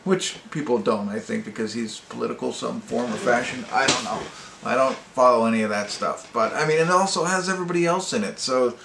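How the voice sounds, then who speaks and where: Brisk and mid-range with vocal fry, this man hosts a casual movie review as an amateur, rambling and pausing to find his words. The recording carries a roomy echo and faint noise in the background.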